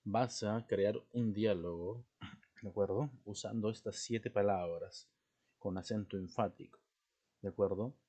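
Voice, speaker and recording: A man's voice: fairly low pitch, steady tone, a little slow, dark tone. A man teaching a language class, explaining step by step and often checking in with his students. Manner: clears throat now and then. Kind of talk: recorded class lesson.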